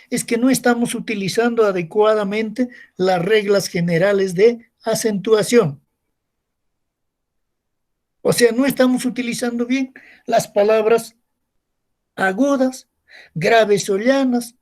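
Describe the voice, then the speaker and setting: Slow, patient male teacher. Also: high voice, darkish tone. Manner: explains step by step, asks rhetorical questions. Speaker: secondary school teacher. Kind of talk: recorded class explanation.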